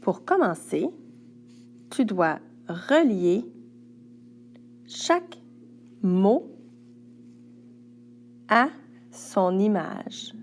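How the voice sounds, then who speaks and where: Quebec woman teacher, slow and patient, light fry in the voice, talking a child through exercises. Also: mid-range voice. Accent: Quebec French. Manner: patient, speaks directly to a young pupil step by step. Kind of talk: recorded classroom instructions.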